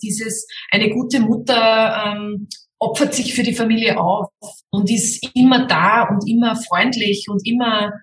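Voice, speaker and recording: A woman's voice: medium pitch, a bit bright. Woman musing in a roomy space. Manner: reflective, thinks aloud with frequent restarts. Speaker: guest, mother of two. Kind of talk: casual conversation. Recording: roomy, distant from mic.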